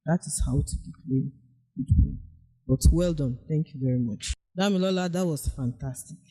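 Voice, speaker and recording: A man with a husky voice, giving a formal, deliberate, elocutionary critique as a contest judge. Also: a little high, dark tone, low-quality recording.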